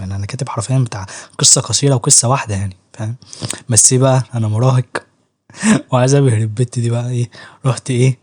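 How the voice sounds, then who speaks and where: Fast-talking Egyptian young man joking. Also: mid-range voice, darkish tone. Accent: Egyptian Arabic. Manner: rapid, joking street slang, laughs often. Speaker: YouTuber giving writing advice. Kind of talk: casual chat to camera.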